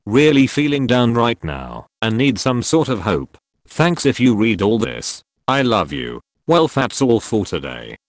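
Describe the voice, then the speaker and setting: A man narrating an online post aloud in a steady, even read-aloud delivery, as a channel's voice-over. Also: mid-range voice, measured pace, dry recording, clean studio sound. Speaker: channel narrator reading posts.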